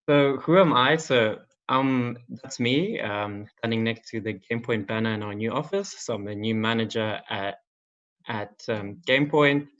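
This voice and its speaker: Speaking at normal speed with a medium-pitched, slightly bright voice, a young Zimbabwean man presents at an online conference as a games marketing manager. He's casual and leans heavily on fillers like "um" and "like," recorded in slightly dull lo-fi audio.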